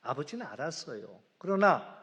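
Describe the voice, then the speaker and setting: A man preaching a sermon as pastor, telling the story with lively swings in voice and acting out the characters' lines. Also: fairly high pitch, moderate pace. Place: church sanctuary. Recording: long church reverb.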